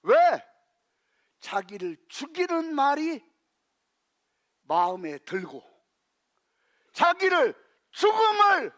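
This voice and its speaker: Pastor guy preaching a sermon, high voice that jumps all over, quizzes the congregation, gets shouty. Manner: animated preaching, asking the congregation questions and rising to shouts. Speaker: senior pastor. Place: church sanctuary.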